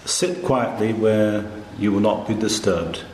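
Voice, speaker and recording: A man leads a guided meditation in a low voice, calm and hushed. He speaks very slowly, leaving long pauses between short phrases. The recording is echoey, with a faint hiss behind him. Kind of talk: slow guided meditation narration.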